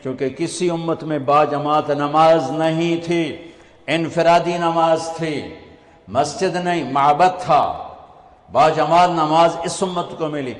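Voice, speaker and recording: A man preaching a passionate sermon, repeating phrases for emphasis and drawing out quoted Arabic lines. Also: on the high side. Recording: echoey hall with long reverb.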